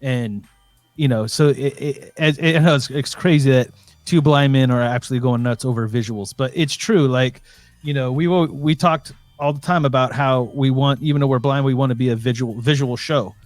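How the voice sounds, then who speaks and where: A man's voice: mid-range voice, steady tone, normal speed, no room sound. A man co-hosting a live stream from his computer, bantering and teasing his partner in chatty talk full of restarts. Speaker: co-host of a live stream show. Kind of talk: casual chat. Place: home computer setup.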